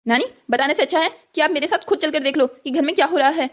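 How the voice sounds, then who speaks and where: Woman playing an upset, rapid-talking teenage boy. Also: sits high, close to an everyday voice. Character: upset teenage son, hurt and pleading. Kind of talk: cartoon story dubbing.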